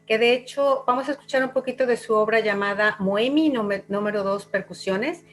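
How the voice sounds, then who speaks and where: A Mexican pianist calmly explaining works of music as a guest in a talk. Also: female voice, fairly high pitch, normal speed.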